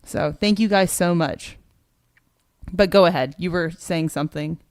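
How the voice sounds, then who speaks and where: Woman, livestream co-host, smooth voice, friendly chatter, dry close mic. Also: lowish voice, a little slow, a little mellow, no echo. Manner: chatty, thanks viewers, reads donations aloud. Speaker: co-host of a precious metals livestream. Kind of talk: casual livestream chat.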